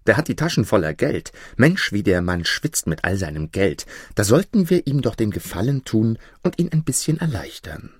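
A man voicing an eager young male apprentice thief in a storybook reading, talking in an excited, pleading way. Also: fairly low pitch, normal speed, hardly any pauses, breathy edge, dry recording, clean studio sound. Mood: scheming.

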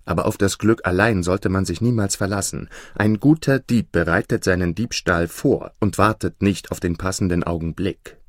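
A man's voice: low-pitched, no room sound, studio quality, lightly acted. A man doing a stern old vagabond thief. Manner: stern, slow and measured.

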